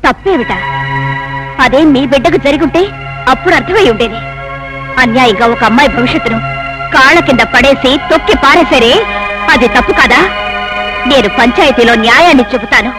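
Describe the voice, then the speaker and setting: A woman's voice: sits high, brisk, pauses often, natural voice, low-quality recording. A woman playing a proud unmarried elder sister in a dubbed film drama, speaking sternly and indignantly, then pleading through tears. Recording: film soundtrack with loud music.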